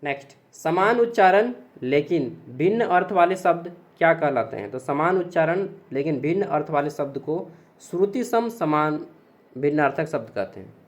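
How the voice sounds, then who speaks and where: A man's voice: a little high, lively intonation, normal speed. A young man teaching an exam-prep lesson, chatty, asking questions and answering them himself. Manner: chatty, repeats and checks with students; explains with examples, asks and answers own questions.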